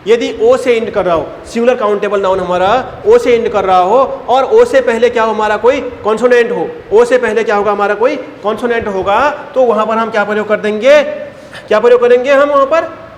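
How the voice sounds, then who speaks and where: Speaking a little fast, a male teacher with a fairly high voice drills grammar rules into his class, answering the very questions he keeps asking and addressing the students as "beta." The room is echoey, with a long reverb tail and faint background noise.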